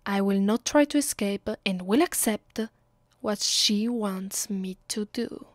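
Speaking with an Italian accent at a slow, deliberate pace, a voice actress takes on the role of a cruel, haughty vampire mistress who commands her listener in an intimate ASMR roleplay, sometimes whispering. Her voice is natural and medium in pitch, and the audio is dry and close with no echo.

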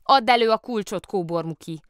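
A woman's voice: fairly low pitch, very animated, dry recording, clean studio sound. A woman voicing an earnest little girl who tries to sound stern, asking urgent, demanding questions. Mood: stern worried.

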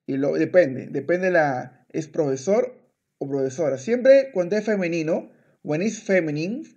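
A man tutoring a student through a one-on-one Spanish lesson, speaking very slowly. He is patient, repeats each word, and often slips into English to explain. His fairly high voice comes through a dull, lo-fi recording. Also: lively intonation, dark tone. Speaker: Spanish teacher.

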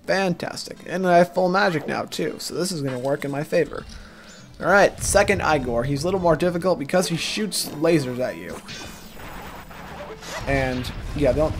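Rambling, joking male game commentator. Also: medium pitch. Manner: joking, self-deprecating, rambling asides. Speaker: gaming walkthrough commentator. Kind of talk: casual let's-play commentary. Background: game music.

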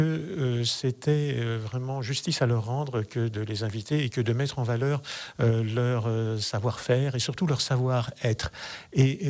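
A man's voice: medium pitch, a little mellow. A man in his sixties, president of a festival association, answering in a radio studio interview with many hesitations. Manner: measured, hesitant with many fillers. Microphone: studio mic on boom arm.

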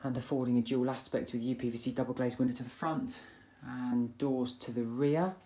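An estate agent with an English accent narrates a house tour, moving through a detached home for sale and its back garden while filming on a handheld phone. His mid-range voice goes a little fast, and his delivery is relaxed, chatty and plainly salesy.

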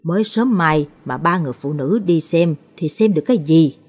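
A grumpy old village shaman grumbles and brushes the visitors off, voiced by a woman storyteller. His voice stays low and husky. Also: expressive, moderate pace, a little mellow. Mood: grumbling. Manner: grumbling, dismissive.

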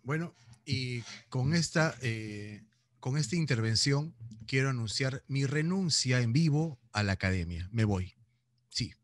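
A man's voice: medium pitch, animated, a little slow. A man with a Peruvian accent teaching a class, teasing and playfully scolding his students and laughing often. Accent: Peruvian Spanish. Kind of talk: joking online class lecture.

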